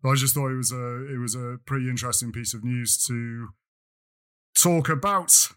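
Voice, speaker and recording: A man's voice: mid-range voice, steady tone, normal speed, a bit bright. A British man co-hosting a podcast in casual chat, rambling with many fillers and restarts. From Britain. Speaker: podcast co-host. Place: lives in France.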